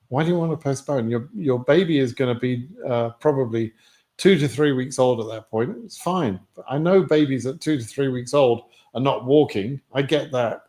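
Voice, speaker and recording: Speaking with a British accent and a slightly mellow, mid-range voice, this livestream host reads out viewer questions about the immigration lottery. He answers each one in a blunt, matter-of-fact way.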